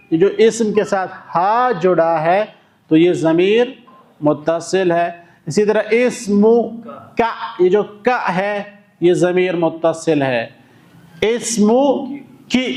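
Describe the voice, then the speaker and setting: Slow, high-voiced man teaching in an echoey room. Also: a little mellow. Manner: slow, deliberate, repeats words for drilling. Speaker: Arabic teacher. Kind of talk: classroom grammar lesson. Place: classroom.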